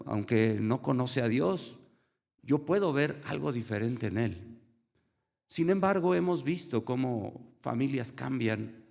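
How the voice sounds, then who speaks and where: Preacher guy, slow and gravelly, long church echo, tells stories and asks the crowd stuff. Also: medium pitch, a little mellow. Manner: slow, earnest delivery with storytelling and rhetorical questions. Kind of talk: sermon. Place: church hall. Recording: reverberant hall.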